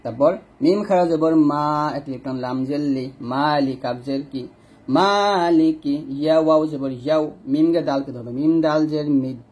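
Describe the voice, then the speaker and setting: A man teaching Quran recitation step by step, spelling out each letter and vowel, then reciting the words slowly and drawn-out. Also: fairly high pitch, steady tone, darkish tone. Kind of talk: slow step-by-step recitation lesson.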